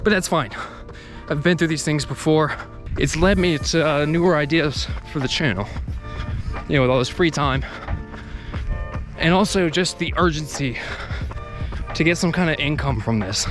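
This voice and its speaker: Higher-pitched man vlogging while jogging. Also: normal speed, long pauses. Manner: talking while jogging, effortful. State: exerting, working up a sweat. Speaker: video creator vlogging about the channel. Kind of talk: casual unscripted vlog monologue. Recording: music behind the voice.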